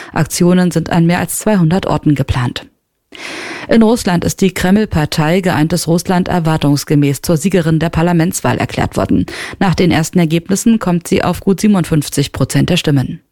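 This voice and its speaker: Casting: female newsreader, formal and even, dry close studio sound. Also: on the low side, no room sound. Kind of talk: scripted news reading. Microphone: studio mic.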